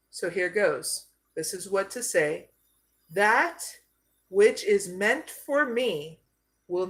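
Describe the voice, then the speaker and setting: A woman from Arizona giving a live card reading, slow and soothing, often checking in with "okay?". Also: mid-range voice, sharp tone. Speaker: psychic card reader.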